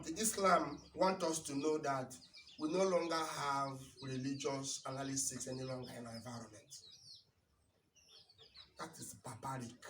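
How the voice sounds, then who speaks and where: A man giving an impassioned lecture-sermon, hammering rhetorical questions and swinging between loud bursts and low asides. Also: slight background noise. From Nigeria. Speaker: lecturer on religion and culture. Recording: roomy, distant mic, faint birdsong behind.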